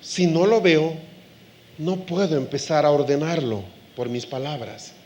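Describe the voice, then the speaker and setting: High-voiced animated male preacher. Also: measured pace, slight background noise. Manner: animated, acts out quoted voices, laughs with audience. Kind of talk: sermon.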